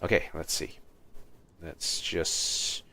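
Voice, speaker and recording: A man livestreams a video game, offering casual commentary and muttering to himself as he thinks aloud. His voice is bright and forceful, and he speaks slowly. Game music plays in the background.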